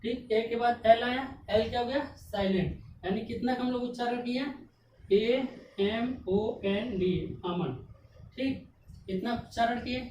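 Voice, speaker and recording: A woman's voice: fairly high pitch, a little mellow. Woman spelling words out in a lesson. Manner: asks and answers her own questions, spelling words out letter by letter. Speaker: English teacher. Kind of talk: classroom-style grammar lesson. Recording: echoey room, mic at a distance, faint noise.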